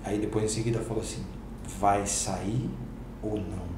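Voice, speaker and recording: A man, a pastor, telling a personal testimony to a class, acting out each exchange in slangy, lively speech. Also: fairly low pitch, moderate pace. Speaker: pastor and teacher. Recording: roomy hall with background noise.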